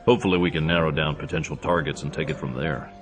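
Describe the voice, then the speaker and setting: Tough action hero, extremely low voice, dry and understated, audio drama over clear music. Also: male voice, steady tone, fast talker. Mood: matter-of-fact. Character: tough, laconic male action hero, drily teasing.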